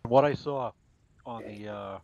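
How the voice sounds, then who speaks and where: A man leading a military sim game unit, calmly passing notes to his players over a radio with clicks and static bursts, repeating key points. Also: lowish voice, measured pace, highs cut off. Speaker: milsim unit leader giving notes.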